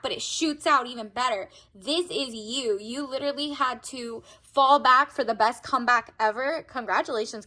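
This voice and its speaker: A woman's voice: sits high, sharp tone. A woman hosting a casual tarot reading for viewers, chatty and slangy, with encouraging talk. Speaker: tarot reader and channel host.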